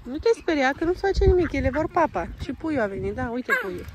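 A woman's voice: high-pitched, very animated, crowd noise. A woman from Romania, vlogging with a handheld phone in a town park, talking to her toddler in a coaxing sing-song way and slipping into English words. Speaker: vlogger and mother. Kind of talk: casual vlog chat with her toddler.

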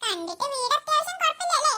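A voice actor playing a timid young thief's sidekick who is scared of the dark, in a cartoon. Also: extremely high pitch, very animated, quick pace, noisy background. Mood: nervous. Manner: nervous, pleading.

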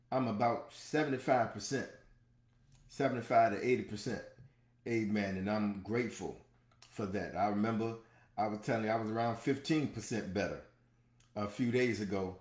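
A man's voice: on the low side, normal speed, a little mellow. A male pastor leading a morning devotional, reading viewer comments aloud and answering each with amens while he recovers from a procedure. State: recovering from a procedure, some soreness. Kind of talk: live-streamed devotional talk. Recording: roomy echo.

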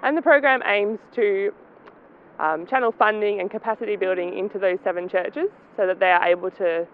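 A woman's voice: mid-range voice, normal speed. Young woman, coordinator, explanatory, thin phone-like sound, faint street noise. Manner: clear, explanatory, with some fillers. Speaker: program coordinator. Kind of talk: introductory talk to camera. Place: outdoors in a city.

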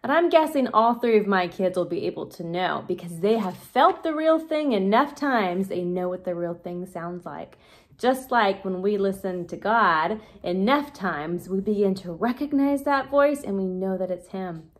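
A woman's voice: medium pitch, expressive, normal speed. A woman, a children's pastor, leading a children's church lesson with a craft, talking playfully and explaining step by step to kids.

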